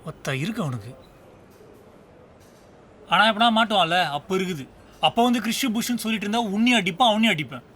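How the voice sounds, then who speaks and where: A man's voice: high voice, expressive, fast talker, long pauses, a little hiss or hum. An actor playing a possessive, jealous young college man in a short film drama, pleading and calling after his girlfriend. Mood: sneering. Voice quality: pleading, then shouting after her. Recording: film soundtrack with loud music.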